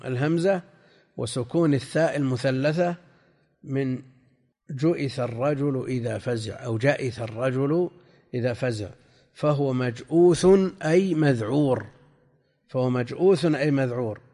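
An older man teaching a classical text lesson, reading passages slowly, repeating and spelling out word forms, and putting questions to his students. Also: medium pitch, warm tone. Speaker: sheikh teaching hadith commentary. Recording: lecture hall with long reverb.

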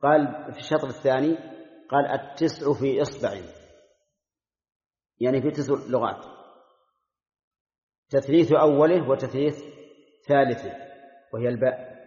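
A man's voice: medium pitch, moderate pace, pauses often, warm tone. An older man teaching a class, drilling pronunciations aloud and quizzing his students by name. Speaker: Islamic scholar teaching a class. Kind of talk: classroom lesson with questions to students. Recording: dull lo-fi recording in an echoey hall.

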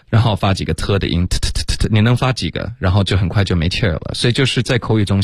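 A man co-hosting a radio English lesson, explaining pronunciation in a relaxed, chatty way, often pausing on fillers and laughing. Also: fairly low pitch, no echo, clean studio sound. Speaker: English teacher, co-host. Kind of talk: casual explanatory chat mixing in English. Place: radio studio.

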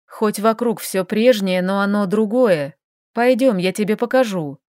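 A woman's voice: a little slow, no room sound, clean studio sound, close to an everyday voice. Woman voicing a smug, teasing male elf. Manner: calm, teasing, lower and steadier.

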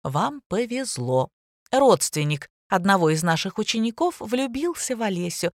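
A woman voicing a stern, calculating middle-aged school official in an audiobook, her speech firm and measured. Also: mid-range voice, sing-song, no room sound, studio quality. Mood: coaxing.

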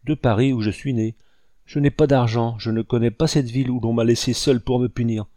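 A man's voice: mid-range voice, fairly even intonation, a little fast, warm tone, dry recording, clean studio sound, natural voice. A man reading aloud, voicing a frightened, remorseful lost young boy who pleads tearfully. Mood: timid. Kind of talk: audiobook character reading.

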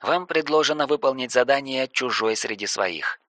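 A man voicing a game's system announcer, flat and announcing, quiet. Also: mid-range voice, moderate pace, no room sound, clean studio sound, close to an everyday voice. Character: calm female system voice of a game.

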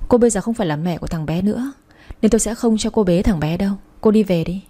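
A woman's voice: medium pitch, fast, close to an everyday voice. Woman doing a cold composed wife. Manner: calm, cutting.

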